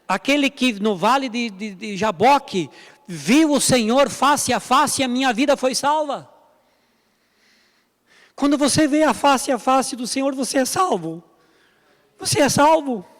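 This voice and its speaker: A man's voice: very high voice, in a large hall. A male pastor, preaching a sermon emphatically, repeating lines and appealing directly to the congregation. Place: church service.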